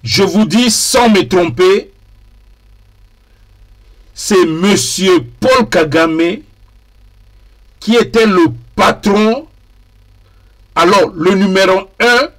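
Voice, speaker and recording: He's a Congolese TV political commentator from DR Congo whose voice sits high. His delivery is measured and forceful, with key phrases said again for emphasis.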